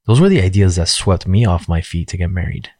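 Deep-voiced man, frank rambling talk. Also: animated, brisk, mellow, no echo, studio quality. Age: 40s. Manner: rambling, frank, swears casually, many fillers. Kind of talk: candid personal monologue.

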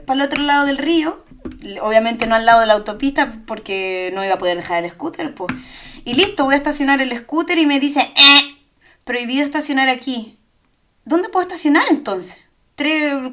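A young woman with a Chilean accent and a high, light voice. She tells stories in casual chat, loose and slangy, and keeps laughing along the way. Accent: Chilean Spanish. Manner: lively storytelling with slang and laughs. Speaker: podcast co-host.

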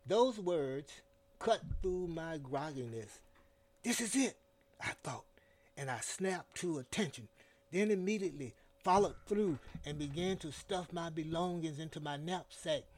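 A man tells a first-person story in a slow, deliberate way. His voice sits a little high for a man. He takes his time over each line. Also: a little mellow. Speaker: narrator.

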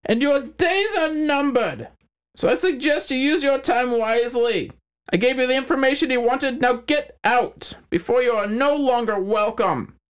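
A man voicing a sadistic, mocking male crime boss with a high-pitched, squealing voice. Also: normal speed, clean tone. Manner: mocking, smug and menacing.

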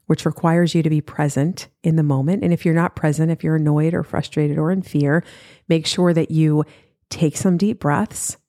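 A woman in her forties with a low, mellow voice hosts a motivational podcast monologue. She speaks earnestly and emphatically, circling back to repeat her main points. The sound is dry and close, with no room around it. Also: no room sound. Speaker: podcast host.

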